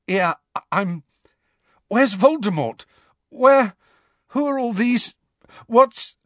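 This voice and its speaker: A man's voice: fairly high pitch, huge pitch swings, a bit bright, no echo, voice pushed up, full character voice. A shaken teenage wizard stammers out broken, desperate questions in a raised, trembling voice, as a man puts him on. The sound is close and dry. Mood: shaky. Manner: desperate, shaky and halting.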